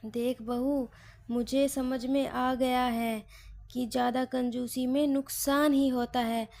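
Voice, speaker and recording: A woman's voice: sits high, little pitch movement, slow pace, vocal fry, a little mellow, dry recording, heavily acted. A woman voicing a stingy, stubborn elderly mother-in-law in a read-aloud story, with a scolding, penny-pinching manner. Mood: reflective. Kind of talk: storybook reading.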